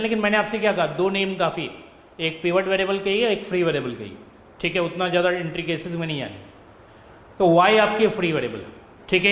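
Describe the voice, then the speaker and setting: A man's voice: high-pitched, fairly bright tone. A male economics tutor, dictating notes in a lecture and checking with his students. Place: classroom. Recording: echoey classroom with faint noise.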